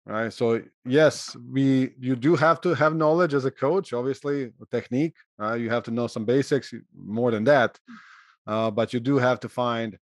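Earnest coach, dry sound. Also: male voice, mid-range voice, moderate pace, dry recording. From Croatia. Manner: earnest, adds "right?" to check in. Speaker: college throwing coach, host. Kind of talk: casual interview chat.

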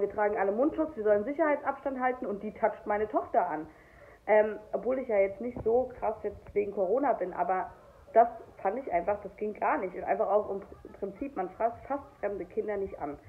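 A woman in her twenties, a young mother, telling a storytime vlog in a heated, indignant way. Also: mid-range voice. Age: 20s. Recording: tinny phone-like sound, faint noise.

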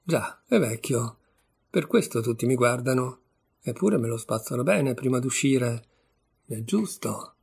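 Read by a man with a gravelly, husky voice, a disgraced young man talks with bitter, sardonic irony. Mid-pitched and worn, he mocks himself and everyone around him. Audiobook storytelling. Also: lively intonation, measured pace, darkish tone, exaggerated voice. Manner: ironic, wry, bitter. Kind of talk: audiobook reading of a short story.

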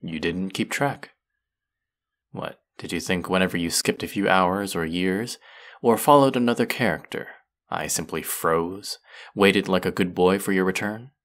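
In an audio roleplay, a man voices a vengeful, brilliant fantasy villain, sitting low in his register. He speaks deliberately, sardonic and threatening, with an intimate delivery that sometimes sinks toward a whisper, and his mood is mocking and bitter.

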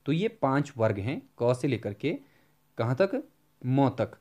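A man giving an exam-prep Hindi grammar lecture, often asking a question and then answering it himself, and slowing down to spell out examples. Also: mid-range voice, sing-song, mellow.

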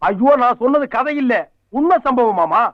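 An actor playing a sarcastic, scolding comic lead in a film comedy scene, firing off quick insults. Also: male voice, very high voice, animated, no echo. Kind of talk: Tamil film comedy dialogue. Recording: dull lo-fi film soundtrack.

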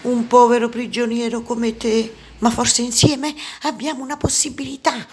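A sly old prisoner, as a woman reads his lines, coaxing and persuasive and pitched a little high. A storybook stranger tempting the hero with treasure. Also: level tone, moderate pace, slightly rough.

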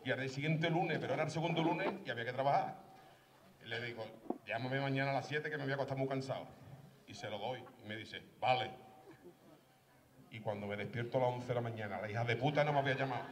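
A man from a carnival group telling a swearing, rapid-fire joke on stage. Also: mid-range voice, a little hiss or hum. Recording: distant stage microphone.

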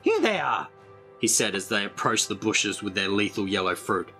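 A man reading a storybook aloud in a dramatic, measured way. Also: lowish voice, flat delivery, sharp tone, soft background music. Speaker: storybook reader.

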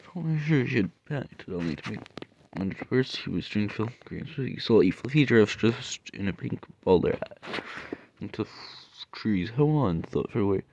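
Gravelly young man reading stumblingly. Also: fairly low pitch, lively intonation, darkish tone, highs cut off, slight background noise. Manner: stumbling, halting reading with asides. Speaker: reader of fan stories. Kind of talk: reading fan-made stories aloud.

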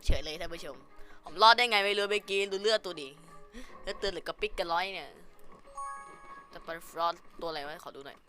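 A man's voice: high voice, quick pace, pushed and bright, faint music behind. A young man hosting a gameplay video, easily startled, swearing and yelping as he plays. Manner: jumpy, yelps and swears when scared. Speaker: gaming channel host. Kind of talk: gameplay commentary.

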